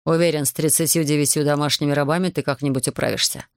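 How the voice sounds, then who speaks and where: A woman narrates an audiobook quickly in a low voice, playing a rich male plantation master. His manner is unruffled, smooth and condescending, captured in clean studio sound with no echo.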